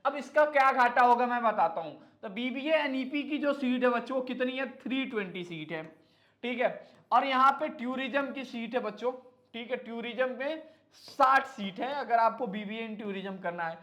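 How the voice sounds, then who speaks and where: A man's voice: very high-pitched, moderate pace, a bit bright. A man giving a casual explainer lesson on admissions, chatty and repetitive, calling viewers kids and brothers. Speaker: admissions guidance teacher.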